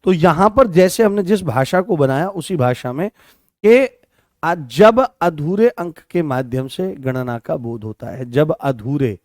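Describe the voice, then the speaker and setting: Higher-pitched male teacher, slow and repetitive. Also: animated, darkish tone, dry recording, studio quality. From Rajasthan. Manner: repeats and self-corrects, asks and answers himself. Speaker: Hindi teacher. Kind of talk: online exam-prep class.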